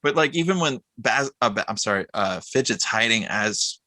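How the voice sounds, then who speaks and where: A man co-hosting a casual film podcast, excitable and laughing often as he acts out lines. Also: lowish voice, normal speed, no echo, clean studio sound. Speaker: podcast co-host.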